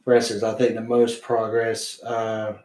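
A man with a thick Appalachian accent, a guest talking casually and haltingly, with drawn-out fillers. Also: lowish voice, monotone, darkish tone, reverberant. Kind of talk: casual chat.

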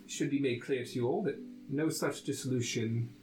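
A man voicing a formal, measured female official in a tabletop fantasy game, with halting, stately phrasing. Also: medium pitch, lightly acted. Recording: roomy echo, plucked guitar music behind.

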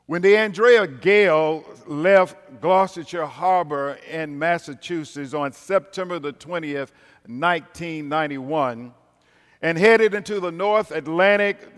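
In a large worship hall with reverberant acoustics, an older man with an American accent delivers a guest sermon at Sunday service, speaking to the congregation in a folksy, emphatic style. His voice is a little high, fairly bright, and clean in tone.

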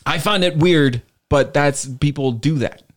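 A man's voice: on the high side, a little slow. A man hosting a podcast in casual chat, presenting trivia and games to his co-hosts. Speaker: podcast host.

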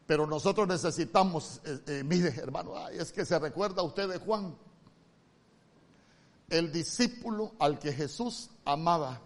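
A male pastor with a Honduran accent preaching a sermon, moving from loud emphatic calls to soft, hushed lines. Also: on the high side, measured pace. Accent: Honduran Spanish.

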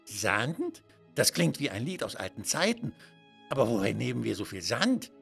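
A man's voice: medium pitch, big pitch swings, moderate pace, gravelly, fairly bright tone, faint music behind. A man voicing a refined, elegant male unicorn with a bow tie, speaking in a genteel, flowery and courteous way. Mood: hopeful.

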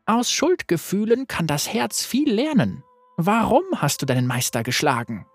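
A husky-voiced narrator playing a stern veiled female spirit who judges and punishes, speaking in a cold, piercing way. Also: mid-range voice, big pitch swings, normal speed, no room sound, faint music behind, pitched above the performer's own voice. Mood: probing. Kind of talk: read-aloud storytelling.

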